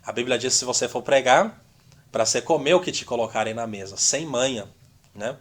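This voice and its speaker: A man's voice: medium pitch, brisk. A man gives an informal church teaching, full of "né?" tags and little acted-out dialogues. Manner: conversational, constantly adds "né?" tags; acts out little quoted dialogues. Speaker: discipleship teacher.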